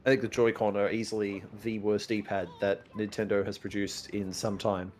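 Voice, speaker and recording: A man casually chatting with a co-host while playing a video game, swearing freely and giving animated opinions on game tech. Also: on the low side, moderate pace, faint music behind. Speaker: co-host of a gaming playthrough.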